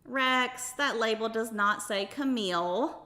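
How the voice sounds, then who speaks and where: Woman, kids' show host, high-ish voice, unhurried, encouraging sing-song teaching. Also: pushed and bright. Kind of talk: kids show host, interactive teaching with a puppet.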